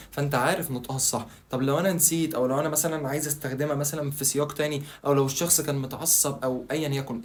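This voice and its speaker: A man's voice: a little high, darkish tone. A man with an Egyptian Arabic accent giving a casual tutorial, chatting straight to the viewer and asking himself questions that he then answers. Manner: chatty, addresses the viewer directly. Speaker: language-learning video creator.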